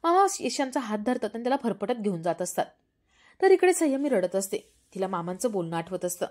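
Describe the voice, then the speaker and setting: A woman narrating a television serial recap in a steady storytelling voice. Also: mid-range voice, fairly quick.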